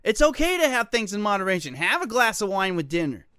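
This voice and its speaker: A high-pitched male talk radio host ranting sarcastically about local news in a dry, close studio sound. His voice is bright and cutting, and he keeps throwing in joking asides between the stories. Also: big pitch swings, fast, clear, resonant tone, no echo. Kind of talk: solo talk radio commentary.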